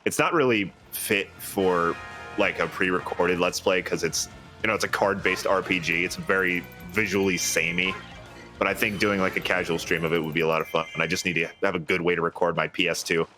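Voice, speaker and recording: A man's voice: low-pitched, steady tone, fairly quick, music in the background. A man casually chatting on a game stream, blunt, sweary and enthusiastic. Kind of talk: casual chat about games.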